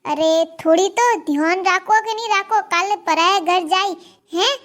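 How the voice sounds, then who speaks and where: Cartoon old Marwari granny, played by a woman, piercingly high voice, endlessly grumbling about her family. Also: a little slow, fairly bright tone. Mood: complaining. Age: older. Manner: complaining, scolding. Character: grumbling old grandmother with four sons. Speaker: cartoon character. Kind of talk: cartoon comedy dialogue.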